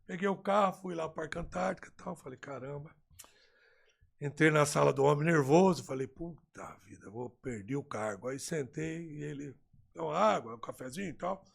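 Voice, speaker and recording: A Brazilian man, a football coach, telling a story in a conversation and acting out the remembered dialogue in a lively way. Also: a little high, fairly quick, gravelly.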